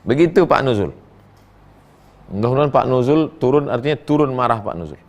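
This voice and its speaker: A middle-aged man preaching, reading listeners' questions and answering them in a folksy, joking way, his voice swinging between high and low as he acts out quotes. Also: animated, fairly quick, darkish tone. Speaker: Islamic preacher. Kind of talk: sermon answering read-out questions.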